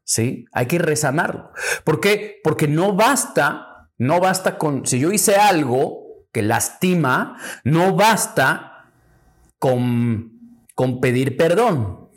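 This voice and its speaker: A man's voice: on the high side, expressive, slow. A man hosting a teaching talk, addressing the listener directly and repeating key phrases. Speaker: podcast host and spiritual teacher.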